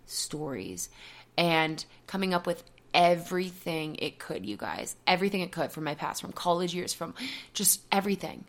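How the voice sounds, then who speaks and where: A woman podcast host speaking openly and reflectively in a personal monologue, full of casual "like" fillers. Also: low-pitched. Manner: open, reflective, many "like" fillers.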